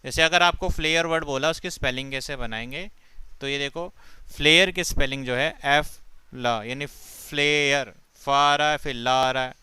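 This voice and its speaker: Casting note: man, Hindi accent, phonics teacher, unhurried and patient, bright crisp tone, dry close sound. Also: on the high side, dry recording. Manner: slow, patient, sounds out letters one by one. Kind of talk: spelling lesson explained step by step.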